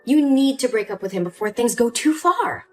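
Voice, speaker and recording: A woman's voice: fairly high pitch, very animated, normal speed, faint music behind. Distraught young daughter, voiced by a woman. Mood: upset. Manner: emotional, pleading.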